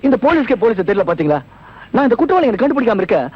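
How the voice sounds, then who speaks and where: A slick con man putting on fake airs as an inspector, played with a very high, lively, husky voice. He talks fast, and the old film soundtrack is dry and dull. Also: heavily acted. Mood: smooth. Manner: smooth-talking, fake-posh. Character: smooth-talking male con man posing as inspector. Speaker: escaped convict posing as an inspector. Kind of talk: 1980s film comedy acting.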